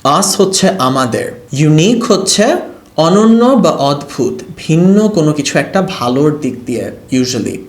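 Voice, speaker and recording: A man teaching English to beginners. He says English words slowly and clearly, then explains them quickly in Bengali. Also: fairly high pitch, very animated. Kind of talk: video lesson for beginners. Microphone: laptop setup. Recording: roomy echo.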